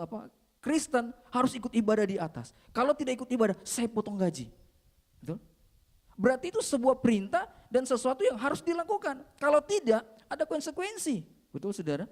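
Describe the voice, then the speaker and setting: A man's voice: very high voice, darkish tone. A male pastor preaching a sermon, telling stories and asking the congregation rhetorical questions.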